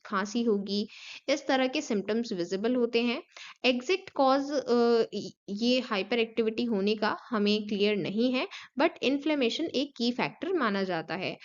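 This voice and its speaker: Indian woman teaching, bright and dull-toned. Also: fairly high pitch, smooth. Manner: explanatory, mixes English terms, frequent fillers. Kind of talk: online class lecture.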